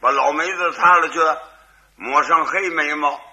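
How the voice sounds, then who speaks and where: A man's voice: on the high side, normal speed, sharp tone. A man performing a crosstalk comedy routine as lead storyteller, switching between his narration and character voices.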